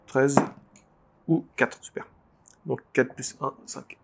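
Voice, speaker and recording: A man's voice: medium pitch, steady tone, takes it slowly, gravelly, very noisy. A man chatting casually as a player in a tabletop role-playing game.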